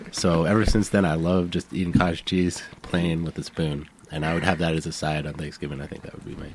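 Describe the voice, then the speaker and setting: A man with a very low voice tells a casual story, stopping often with ums and uhs. There is faint background noise in the studio. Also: little pitch movement, fairly quick. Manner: hesitant, many fillers. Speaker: guest.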